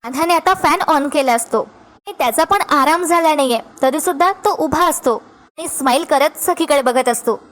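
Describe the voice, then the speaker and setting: High-voiced woman recapping a serial. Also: moderate pace. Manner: lively storyteller, repeats a catchphrase to her friends. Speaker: TV serial episode reviewer. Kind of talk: animated episode recap.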